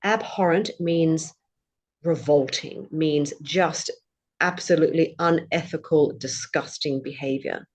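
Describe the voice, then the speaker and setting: A woman's voice: low voice, unhurried. A woman, a former prosecutor, explaining legal vocabulary in an articulate way and giving examples. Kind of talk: conversational explanation.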